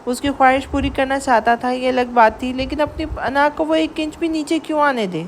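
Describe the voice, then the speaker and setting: Woman narrator, audio novel, scripted narration, high voice, even delivery. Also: slight background noise.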